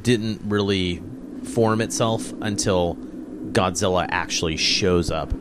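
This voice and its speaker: A man's voice: sits low, takes it slowly, noisy background. A man co-hosting a casual movie commentary, rambling and laughing often. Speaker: podcast co-host.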